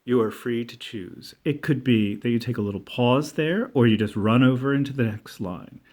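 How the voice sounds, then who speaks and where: A man teaching a reading lesson on poetry, reading lines aloud slowly and with deliberate emphasis. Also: mid-range voice, darkish tone.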